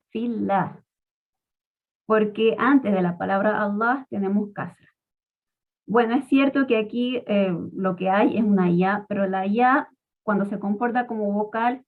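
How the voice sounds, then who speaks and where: A woman teaching Quran recitation rules in a patient, step-by-step way, slowly modelling each pronunciation. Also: on the high side. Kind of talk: online tajweed lesson. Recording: tinny phone-like audio.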